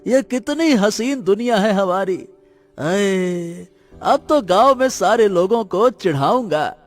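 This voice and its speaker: A shrill cartoon woodcutter, boastful and greedy, who drawls slowly, as a man puts him on. Faint music hums underneath. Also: expressive.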